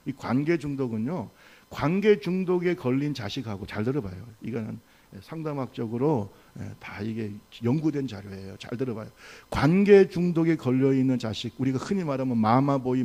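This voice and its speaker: A male pastor preaching a sermon to his congregation, with call-and-response and rhetorical questions, swinging from loud exhortation to soft asides. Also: mid-range voice, vocal fry. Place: church sanctuary.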